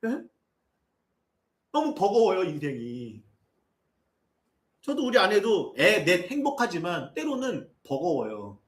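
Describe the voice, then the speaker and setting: Man in his 40s, pastor preaching, high voice with lots of swing, quizzes the congregation, echoey church. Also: huge pitch swings, slow pace, long pauses. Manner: asks the congregation constant rhetorical questions; builds to impassioned, near-shouted appeals. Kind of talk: sermon. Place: church sanctuary.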